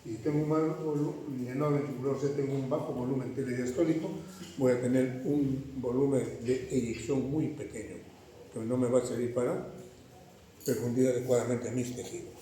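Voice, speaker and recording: A man's voice: medium pitch, fairly even intonation, normal speed, warm tone, a little hiss or hum. A man lecturing a class, questioning his students rhetorically and checking in with frequent "right?" tags. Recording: echoey classroom recorded from far off.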